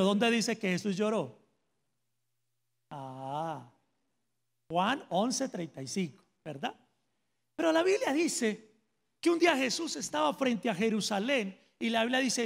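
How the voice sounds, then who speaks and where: High gravelly pastor preaching. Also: male voice, in a large hall. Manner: preaching with rhetorical questions to the congregation. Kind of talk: sermon.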